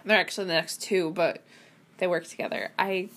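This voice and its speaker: A woman's voice: lowish voice, steady tone, fairly quick, fairly bright tone. A young woman at home, chatting about writing tips with lots of fillers and restarts. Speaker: writer reviewing writing tips. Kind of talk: casual solo commentary. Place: at home at a computer.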